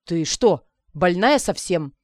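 A woman reading an audiobook voices a desperate young drunk man who shouts and shrieks in anger. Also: fairly low pitch, lively intonation, takes it slowly, dry recording, studio quality. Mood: hissing. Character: young drunk man threatening to burn himself.

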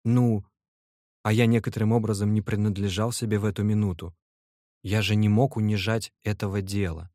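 A man's voice: on the low side, flat delivery, brisk, warm tone, no echo, studio quality, natural voice. A man voicing a sensitive young man who talks in an earnest, heartfelt, pleading way, in an audiobook reading.

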